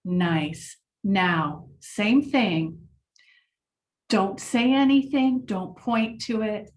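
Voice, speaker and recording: A woman leading a children's mindfulness lesson, speaking gently and encouragingly to the class. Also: mid-range voice, drawn-out words, far from the mic.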